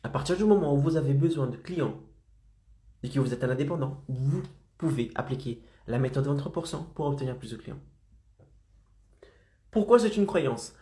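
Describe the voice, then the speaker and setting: A man's voice: medium pitch, lively intonation, moderate pace, long pauses, warm tone, reverberant. A man with a slight head cold, coaching freelancers in a motivational live stream and keeping his audience engaged with frequent check-ins. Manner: insistent, keeps checking in with "d'accord?" and "ok?".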